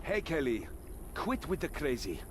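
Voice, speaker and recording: Brash adventurer for a game: animated, sarcastic, taunting, over clear background noise. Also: male voice, a little high, measured pace. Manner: cocky, taunting. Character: brash, sarcastic young male adventurer hero. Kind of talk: video game voice acting. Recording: clear ambient noise behind voice.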